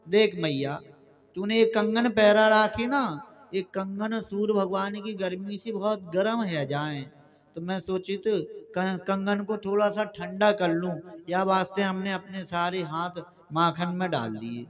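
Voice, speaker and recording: A man's voice: high voice, measured pace, dull audio. A man voicing the mischievous child Krishna, full of coaxing excuses, with a Bundeli accent. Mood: pleading. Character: mischievous little boy Krishna, sweet-talking.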